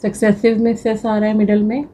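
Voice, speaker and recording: A woman's voice: medium pitch, little pitch movement, mellow, a little hiss or hum, rough recording. A woman teaching a shorthand class, patiently repeating each word to drill it. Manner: patient, repeats words slowly to drill them. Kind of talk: slow classroom explanation.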